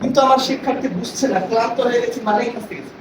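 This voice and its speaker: A man's voice: extremely high pitch, steady tone, very fast. A man training teachers in a classroom lecture, explaining with examples and often checking that the listeners understand. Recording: echoey room from far off, noisy.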